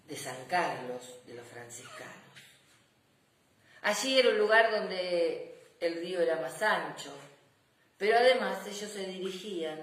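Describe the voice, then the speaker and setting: An affectionate old grandpa general, acted out by a woman storyteller recalls his battles with pride. The delivery is dramatic and very lively in pitch, with deliberate phrasing. The room echoes around the voice. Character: proud, affectionate old grandfather general telling war memories. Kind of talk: children's storybook narration.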